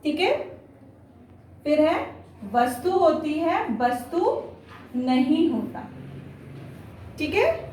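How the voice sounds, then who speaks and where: A woman with a high voice teaches young children in an unhurried, patient way, repeating each word and often checking that they follow. She is heard from a distance in a very echoey room. A faint noise runs underneath. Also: very animated, darkish tone. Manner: slow, patient, repeats each word and keeps saying "theek hai". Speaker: primary school Hindi teacher. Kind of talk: online class lesson.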